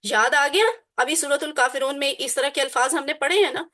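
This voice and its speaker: A woman teaching a class on Quranic Arabic, drilling word forms slowly and deliberately, then explaining them. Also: high-pitched, sharp tone.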